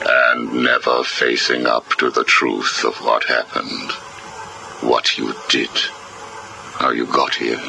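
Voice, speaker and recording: Clinical interrogating doctor, extremely deep, gravelly, hissy tape playback. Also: male voice, little pitch movement, bright, forceful tone, full character voice. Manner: cold, probing, measured. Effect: played back from an old interview tape. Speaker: psychiatrist interviewing a patient. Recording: hissy cassette tape recording.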